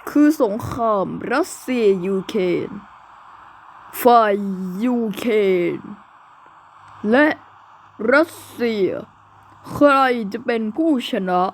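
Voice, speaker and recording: A woman narrates a war game skit and plays it out with playful, excitable energy. Her voice sits a little high and she jumps quickly from line to line. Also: slight background noise. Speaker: gaming video creator. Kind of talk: narrated game role-play.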